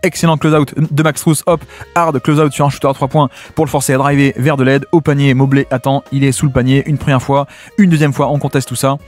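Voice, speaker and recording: A man narrates a video breakdown of basketball game footage, voicing the players in the first person and tossing in "hein" and "hop." He talks fairly quickly in a medium, rather flat pitch with a slightly mellow tone, and faint music plays behind him.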